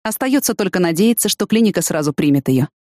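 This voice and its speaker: A woman reading an audiobook, voicing a blunt, hot-tempered young man who speaks in a gruff, matter-of-fact way. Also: on the low side, animated, fast, darkish tone, no echo, studio quality, lightly acted.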